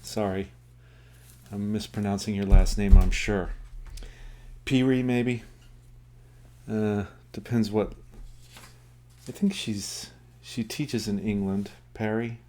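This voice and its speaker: Offering an informal book review, a fairly low-voiced man halts often, using many fillers and correcting himself. He reads excerpts aloud in an even, measured manner.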